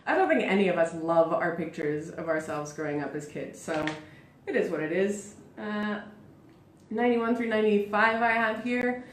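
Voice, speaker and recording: A woman in her thirties talks through her childhood as a live show host, chatty and theatrical, often poking fun at herself. Her voice sits in a middle pitch. The sound is roomy, with the space ringing around her. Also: animated, moderate pace, a little hiss or hum. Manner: theatrical and self-mocking; chatty, with frequent "like" and "super". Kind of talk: live personal monologue. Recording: roomy echo.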